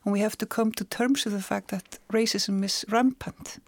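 A woman's voice: medium pitch, steady tone, normal speed, darkish tone, no echo. A woman, an author and journalist, speaking thoughtfully in an interview and often repeating words as she searches for them. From Iceland. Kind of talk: conversational interview.

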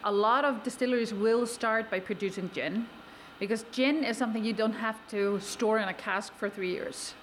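A woman's voice: fairly high pitch, normal speed, hardly any pauses, slight background noise, rough recording. Chatty woman explaining at a distillery. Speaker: distillery worker. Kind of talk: radio interview answers. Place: working distillery.

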